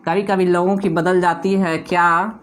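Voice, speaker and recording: A man's voice: high voice, little pitch movement, a bit bright, slight background noise. A man teaching English grammar in a video lecture, asking questions and answering them himself, insistently correcting pronunciation. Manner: asks students questions and answers them himself, repeating words slowly.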